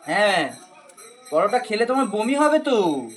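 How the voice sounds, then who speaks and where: A man's voice: sits high, sing-song, measured pace, soft background music. A young man from West Bengal filming a casual village vlog, chatting along and coaxing his little daughter, on a handheld phone at a rainy village home. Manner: chatty, coaxing a small child. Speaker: vlogger. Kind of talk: casual daily-life vlog chat. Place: village home, partly outdoors in rain.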